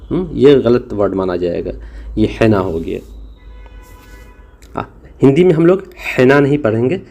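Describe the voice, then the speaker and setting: A man's voice: mid-range voice, warm tone. A man teaching a language lesson, explaining patiently and demonstrating sounds. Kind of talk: spoken lesson.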